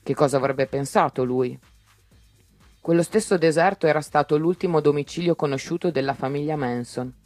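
A man narrating an audiobook in a lively way, giving each character's lines their own voice. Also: mid-range voice, dry recording.

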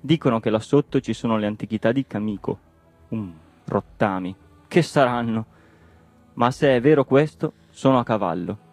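A man's voice: mid-range voice, moderate pace, dry recording, soft background music, lightly acted. A man doing a plaintive, down-at-heel villager. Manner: calm, plaintive. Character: poor, carefree middle-aged man, mournful.

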